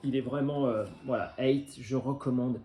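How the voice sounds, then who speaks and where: A man's voice: mid-range voice, fairly even intonation, moderate pace, mellow, slight background noise. A man in his forties casually presenting his vinyl records, hesitant and full of filler sounds but enthusiastic. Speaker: record collector. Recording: roomy echo.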